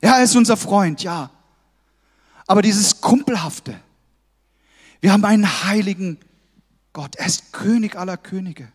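Male pastor, very high voice, emphatic exhorting sermon, long hall reverb. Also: measured pace, long pauses, husky. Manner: emphatic, exhorting, with frequent "hey" calls to the congregation.

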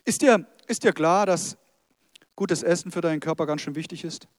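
A man's voice: on the high side, moderate pace, no room sound, studio quality. A pastor preaching a sermon, talking to his congregation in a conversational way with light humour.

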